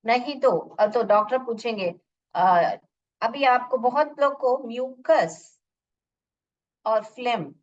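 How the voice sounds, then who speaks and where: A woman teaching English in a lesson, repeating words slowly to drill pronunciation. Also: a little high, far from the mic, muffled recording. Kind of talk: bilingual classroom lesson. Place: room with a board.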